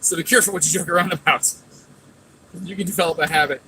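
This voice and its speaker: A man's voice: fairly high pitch, fairly even intonation, fast talker, sharp tone, a little hiss or hum. A man hosting a casual stream from a tuning shop, swearing freely and answering viewer questions. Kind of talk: casual livestream chat.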